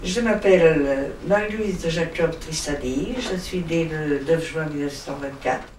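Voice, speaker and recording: A woman's voice: deep voice, measured pace, a little mellow, far from the mic, a little hiss or hum. An elderly woman giving hesitant documentary testimony, heard in an echoey hall from afar. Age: older. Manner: hesitant, with fillers. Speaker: former resistance member giving testimony.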